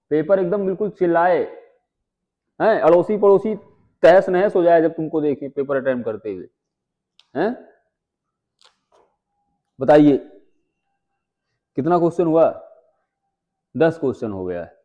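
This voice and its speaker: Male maths tutor, high voice, muffled lo-fi audio, chatty and quizzing. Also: animated. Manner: chatty, asks students quick questions. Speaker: maths teacher. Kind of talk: live online exam-prep class.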